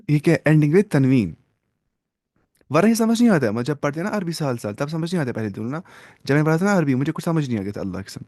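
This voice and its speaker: A man's voice: on the high side, lively intonation, quick pace, darkish tone, no echo. Man teaching grammar, dry close sound. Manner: asks rhetorical questions and answers them himself; mixes English terms into explanations. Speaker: Arabic teacher. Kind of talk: classroom grammar lesson.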